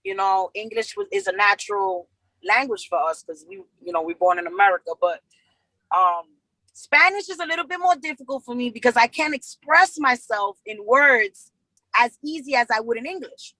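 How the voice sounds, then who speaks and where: A young New York rapper, a woman, guests on an interview and chats casually, telling stories in an earnest, animated way with lots of restarts. Her voice is a little high and her pace moderate. The audio is poor, though there's no echo.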